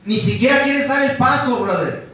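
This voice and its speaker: A man's voice: very high-pitched, animated, moderate pace, fairly bright tone, far from the mic. A man with a Mexican Spanish accent teaching a Bible class in a fervent, repetitive preaching style, heavy on slang. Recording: echoey room, voice from afar.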